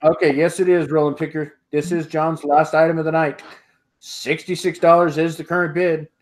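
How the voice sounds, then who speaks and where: A middle-aged host with a somewhat high male voice calls bids at normal speed in a steady, repeating rhythm for a live online auction. He's at home in a room of sports memorabilia, laughing often between calls. His earbud headset carries the audio over a video call.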